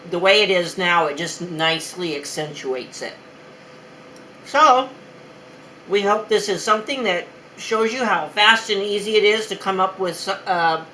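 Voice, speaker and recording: A woman's voice: fairly low pitch, sharp tone, a little hiss or hum, low-quality recording. A woman chatting casually through a home kitchen demonstration, loose and trailing off mid-sentence. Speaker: host of a food demo video.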